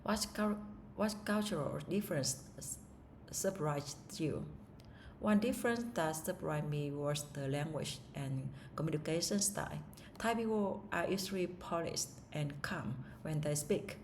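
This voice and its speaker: Her voice is low and her pace measured, captured in a rough recording with slight background noise. A native Vietnamese speaker, she rehearses English speaking-test answers, posing the questions herself and stumbling and restarting as she replies.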